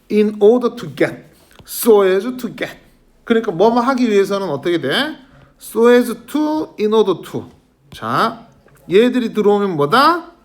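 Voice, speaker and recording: A male teacher lectures a middle school class, firing questions at his students to keep them engaged. His voice sits high and swings widely in pitch. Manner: lively, questioning students constantly.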